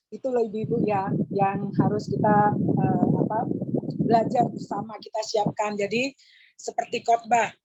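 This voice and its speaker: Over a video call, a woman from Indonesia with an East Javanese accent gives numbered public-speaking tips to a group of women she addresses as ladies. Her husky voice, fairly high in pitch, sounds tired and strained, and the recording quality is low.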